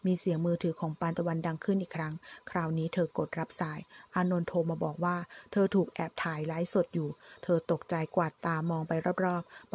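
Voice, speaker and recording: A woman narrating a retelling of a drama in a steady, brisk storytelling manner. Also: fairly low pitch. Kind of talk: scripted narration of a drama recap.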